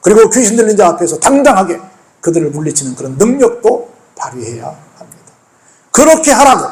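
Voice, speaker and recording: A man's voice: high voice, darkish tone. A male pastor preaching a sermon in church, telling the story conversationally and peppering the congregation with rhetorical questions.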